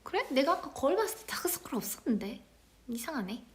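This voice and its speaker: A woman chatting casually with viewers on a live stream, playful and giggly, often dropping into a soft whisper. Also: sits high, sing-song, quick pace.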